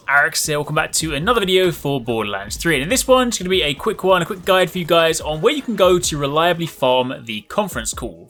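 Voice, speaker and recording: A man with a fairly high, slightly bright voice hosts a gaming video, narrating a scripted guide. His style is upbeat and chatty like a YouTuber, with emphatic stresses.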